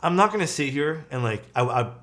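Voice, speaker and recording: A man in his thirties streams his keyboard building, casually reading viewer comments as he vents and rambles with plenty of fillers and occasional swearing. His voice is on the high side, a bit bright, a little fast, with lively intonation.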